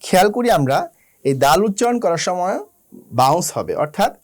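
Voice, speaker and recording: A man teaching the rules of Quran recitation, slowly spelling out letters and drilling their sounds one by one. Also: high-pitched, big pitch swings. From Bangladesh. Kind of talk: slow instructional lesson.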